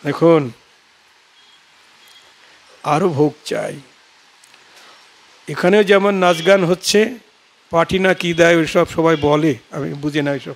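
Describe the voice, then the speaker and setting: Male Bengali preacher, high voice, unhurried, chants scripture between stories. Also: vocal fry. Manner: slow, drawn-out chanting of verses; tells scripture stories acting out dialogue. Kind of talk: devotional sermon with sung verses.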